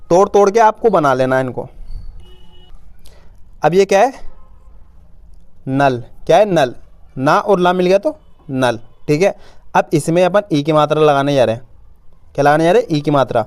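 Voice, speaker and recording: A man's voice: a little high, lively intonation, moderate pace, pauses often, darkish tone, no echo. A man teaching children to read, patiently sounding out each word and answering his own questions. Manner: says "apan" for "we", informal spoken Hindi. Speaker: Hindi reading teacher. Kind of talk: step-by-step reading lesson.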